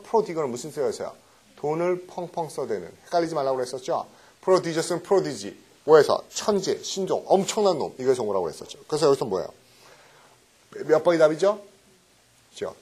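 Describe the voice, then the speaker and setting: A middle-aged man teaching English vocabulary in a recorded lecture, often quizzing his students with quick questions and tag checks. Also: fairly high pitch, sing-song, darkish tone, husky. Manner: mixes English words into explanations.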